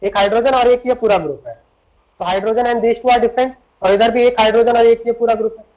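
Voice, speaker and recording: Hindi-English mixing chemistry teacher, dull recording. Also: male voice, very high voice, steady tone, brisk, darkish tone. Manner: explains step by step, keeps asking students questions. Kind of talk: classroom lecture.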